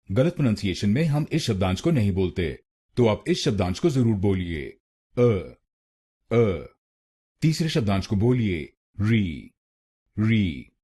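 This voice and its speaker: A man from India leads a scripted pronunciation tutorial, breaking words into syllables and repeating each one. His voice is low, warm and a bit husky, and he speaks slowly with a lively rise and fall. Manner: slow, careful, repeats syllables. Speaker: pronunciation teacher.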